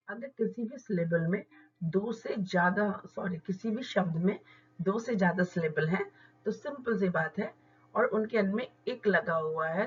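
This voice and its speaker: Woman teaching a lesson, spells out words slowly, kinda muffled sound. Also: medium pitch, slightly rough. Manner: slow deliberate word-by-word modelling of stress. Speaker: English teacher. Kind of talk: explanatory lesson.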